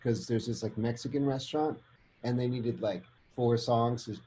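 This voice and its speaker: A man's voice: mid-range voice, fairly even intonation, moderate pace, warm tone, slight background noise, rough recording. A man chatting casually as an interview guest. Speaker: interview guest, film composer. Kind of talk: casual chat.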